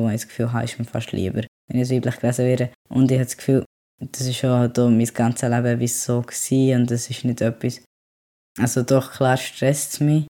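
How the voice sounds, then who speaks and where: A young man hosting a podcast, talking calmly and quietly in casual chat. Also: mid-range voice, gravelly. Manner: calm, quiet talker, rises when emotional. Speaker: podcast host.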